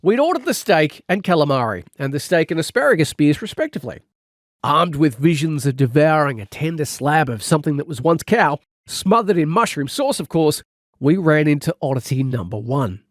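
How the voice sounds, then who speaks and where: This audiobook narrator has a slightly high voice that swings widely in pitch, and he speaks at a normal speed. He reads comedic scripted narration in the first person as a wry, exaggerating storyteller, captured dry and clean in a studio.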